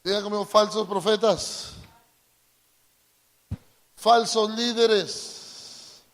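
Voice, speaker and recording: A man's voice: sits high, fairly even intonation. A man with a Latin American Spanish accent preaching a call-and-response sermon, drawing out key words and prompting the congregation to repeat after him. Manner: drawn-out emphatic delivery, prompts congregation to repeat.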